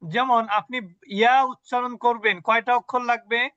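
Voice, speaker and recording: A man's voice: very high voice, steady tone, moderate pace, sharp tone, clear, resonant tone, no echo. A man teaching a Quran recitation lesson online. He poses questions and answers them himself, over dull, dry video call audio.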